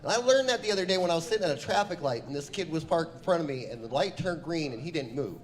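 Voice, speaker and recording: Man, forties, stand-up comic, high voice, lively swings, profane, relaxed stoner delivery. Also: fast. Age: 40s. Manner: loud, swearing, laid-back stoner delivery. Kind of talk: stand-up comedy set.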